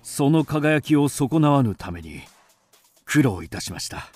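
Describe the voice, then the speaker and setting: In a theatrical radio drama with music behind him, an actor voices a grim, resolute man of ancient China, a doomed swordsmith and mysterious avenger. His mid-range voice is sing-song and a little mellow, moving at a measured pace. The tone is stern, commanding, and solemn.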